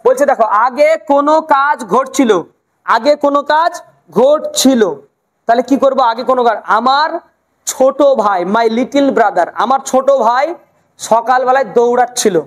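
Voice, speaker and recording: A woman teaching English to Bengali speakers with a Bengali accent, asking questions and repeating the answers slowly. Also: sits high. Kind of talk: spoken English lesson with drills.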